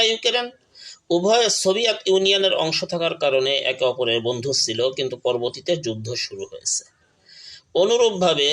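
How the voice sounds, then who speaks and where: A man's voice: a little high, bright, forceful tone, rough recording. A man giving an earnest talk straight to his viewers, stumbling over words now and then and stressing each example as he lists it. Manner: earnest, speaks with restarts and stammered words. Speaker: speaker of an online channel. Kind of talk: direct-to-camera political talk.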